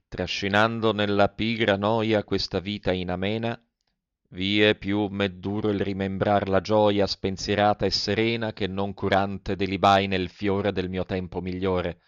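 Male reciter, low resonant voice, dramatic verse reading, dull lo-fi sound. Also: smooth, dry recording. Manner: declaiming, with slow solemn pauses. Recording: dull lo-fi recording.

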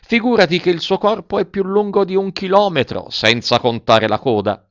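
A man's voice: high voice, moderate pace, dry recording, pitched above the performer's own voice. Man playing a resigned old tuna, cracked twangy voice like a busted guitar, dry muffled audiobook. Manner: calm, resigned and wry. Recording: dull, dry audiobook recording.

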